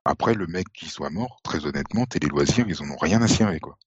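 Very deep husky man. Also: lively intonation, quick pace, dry recording. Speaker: podcast co-host. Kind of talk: casual live-stream chat. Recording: dull lo-fi mic.

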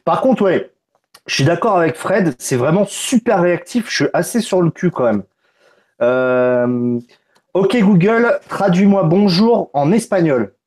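A man's voice: high voice, big pitch swings, a little slow, a little mellow. A man hosting a casual live unboxing stream, loose and joking, swearing casually. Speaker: tech streamer.

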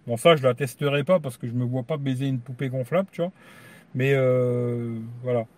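A man's voice: mid-range voice, moderate pace, dry recording. A man hosting a tech channel, chatting casually and crudely on a live stream, rambling and tagging nearly every phrase with a filler. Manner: crude, rambling, says "tu vois" constantly. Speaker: YouTube tech channel host.

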